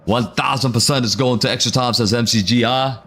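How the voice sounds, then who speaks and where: A man's voice: medium pitch, fairly even intonation, brisk, a bit bright, a little hiss or hum. A man hosting a live football watchalong, talking casually to his chat in slang and reading out viewer comments. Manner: reads out viewer comments between reactions. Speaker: watchalong stream host.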